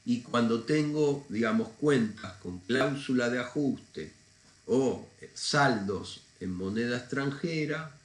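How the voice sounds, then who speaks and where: A male accounting lecturer teaches a recorded lesson step by step, informal and didactic, thinking aloud as he goes. He takes it slowly in a mid-range voice with lively intonation, congested from a cold and often clearing his throat, and the room sounds echoey.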